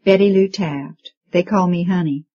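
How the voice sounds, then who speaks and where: Woman doing a soft-spoken Southern young woman. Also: lowish voice, moderate pace, slightly rough, no echo, dull audio. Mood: gentle. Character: Honey, a gentle, guileless young woman doctor.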